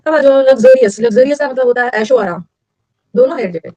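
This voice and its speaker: A middle-aged woman teacher rattles through a vocabulary lesson at a rapid clip. She repeats key words and fires questions at her students. Her voice sits a little high and sounds close and dry. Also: mellow, dry recording, lo-fi sound. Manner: quick, drilling repetition and quizzing. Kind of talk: vocabulary lecture.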